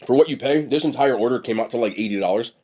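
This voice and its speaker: Speaking quickly with a dark tone at medium pitch, a young male food vlogger gives a casual mukbang review. His blocked nose leaves him nasal and sniffly as he chats bluntly, drifting off and starting over.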